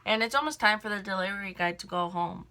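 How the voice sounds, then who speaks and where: Bright-voiced young woman rambling a storytime. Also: medium pitch, fast. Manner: rambling, filler-heavy, frequent swearing. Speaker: vlogger telling a work story. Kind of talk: casual storytime vlog. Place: indoors at home, doing makeup.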